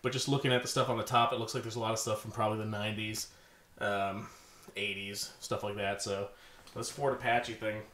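In his thirties, the host of a collecting channel casually digs through a box of vintage toys, rambling, joking at his own expense, and saying "um" a lot. His voice is on the low side, level, fairly quick, and a bit bright. Filming starts handheld, then moves to a tripod, with faint noise behind.

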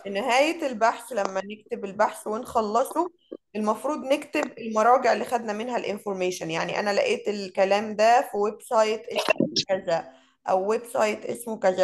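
A woman's voice: mid-range voice, slight background noise, poor audio. A woman with an Egyptian Arabic accent teaching an online English lesson, mixing Arabic and English and drawing out words as she models them. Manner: switches between Arabic and English, drawn-out word modeling.

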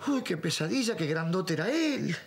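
A man's voice: high-pitched, sing-song, a little fast, slight background noise. An actor playing a flustered man, frantic as he comes out of a nightmare. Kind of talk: sitcom acting.

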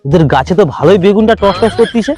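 A man's voice: sits high, animated, quick pace, a little mellow, soft background music. A man playing a scheming, belligerent drunkard husband in a village comedy skit, cursing and grumbling.

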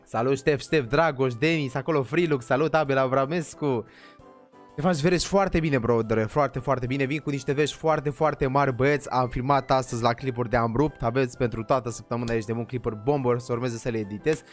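A man's voice: medium pitch, soft background music. A young man hosting a casual livestream, energetically greeting viewers by name. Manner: energetic, rattles off viewer names; says he talks more quietly than usual. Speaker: livestream host.

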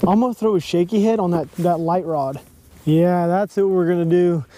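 A young man, chatting excitedly from a bass boat on a lake while he fishes and films himself on an action camera. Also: normal speed. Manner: excitable, chatty, lots of exclamations. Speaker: fishing vlogger. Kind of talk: casual outdoor chat while fishing. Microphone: action camera mounted on the boat.

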